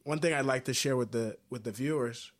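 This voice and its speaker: A Haitian musician, appearing as a guest in a casual interview, talks earnestly and reflectively with many fillers and restarts. His voice is medium in pitch and brisk.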